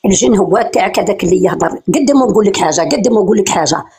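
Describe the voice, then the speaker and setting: Woman caller, quick and furious, trading insults in a live debate. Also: medium pitch, animated, a little mellow. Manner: angry, insulting.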